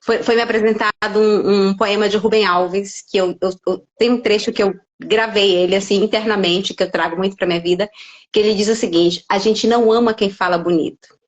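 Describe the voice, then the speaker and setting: A woman's voice: mid-range voice, fairly quick, lo-fi sound. A middle-aged Brazilian woman who speaks Portuguese and tells stories in a podcast conversation, acting out the dialogue she quotes. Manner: expressive storyteller, acts out quoted dialogue. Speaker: podcast guest, life coach. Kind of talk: casual conversation.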